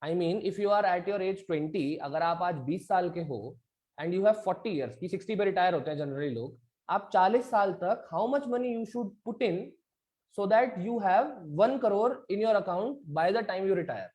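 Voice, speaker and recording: An Indian-accented man teaches an interactive online class over a video session, switching between two languages. His high voice is a little mellow and very fast. He keeps checking that listeners follow, with frequent tag questions.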